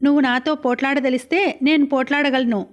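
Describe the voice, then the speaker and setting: A woman's voice: high-pitched, fairly even intonation, fairly quick, dull audio, lightly acted. A woman voicing a scheming young man who pushes his diamond heist plan, in an audiobook. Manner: pushy and persuasive. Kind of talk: audiobook character reading.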